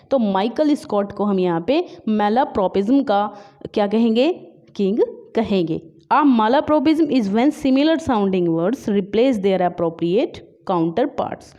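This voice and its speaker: A woman teaching English literature for exam prep, explaining in Hindi mixed with English, often checking in with "है ना?" and reading English examples slowly. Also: fairly high pitch, dark tone. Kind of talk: online exam-prep class. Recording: dull lo-fi recording.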